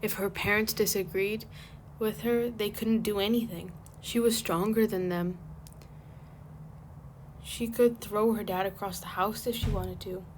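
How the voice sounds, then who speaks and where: A woman reads her own fan fiction aloud after some rambling, chatty talk with her viewers. Her voice sits at an ordinary middle pitch, with a faint hiss behind it. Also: steady tone, unhurried. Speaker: fanfic channel host and reader. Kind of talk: casual chat and story reading.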